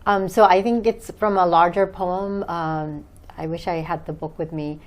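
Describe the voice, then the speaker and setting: A Bangladeshi woman, an author and English teacher, answers questions conversationally as an interview guest, hesitating while she searches for words. Her voice sits on the low side, steady and at a normal speed.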